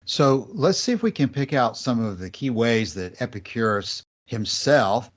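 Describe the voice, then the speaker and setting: A man's voice: mid-range voice, lively intonation, measured pace, dull audio. A man hosting a podcast who guides the conversation, reading passages and posing questions in a casual discussion. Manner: guiding, asks questions. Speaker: podcast host.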